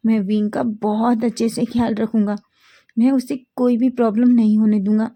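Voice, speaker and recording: A woman voicing a calm, devoted young man who reassures gently. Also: a little high, moderate pace. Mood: earnest.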